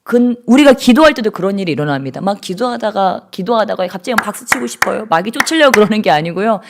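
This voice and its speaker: Woman pastor preaching, soft to shouting. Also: medium pitch, expressive, fast, background noise. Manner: swings from hushed to shouting praise. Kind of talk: sermon. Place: church.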